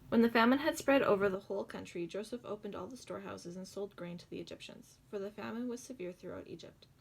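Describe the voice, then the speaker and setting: A woman's voice: mid-range voice, fast talker, gravelly, breathy edge. A young woman reading the Bible aloud with rambling, giggly asides and stumbles on hard names. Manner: rambling, giggly asides full of likes and ums.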